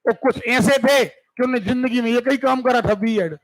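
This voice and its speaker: High-voiced Hindi grammar teacher quizzing students. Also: male voice, moderate pace, low-quality recording. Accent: Madhya Pradesh Hindi. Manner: asks students frequent check questions; casual, joking teacher's banter. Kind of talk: exam-prep grammar lesson.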